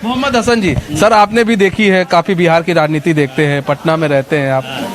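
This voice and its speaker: A man reporting on the street, talking to camera and questioning traders outdoors. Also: high-pitched. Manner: brisk, talks to camera, asks leading questions. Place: outdoors on a cold market street.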